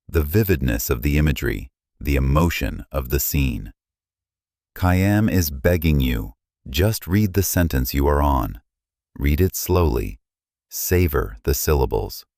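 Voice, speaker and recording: A man with an extremely deep, low voice narrates a script in a solemn, contemplative way. The sound is close and completely dry, with no room around it. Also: darkish tone, no room sound.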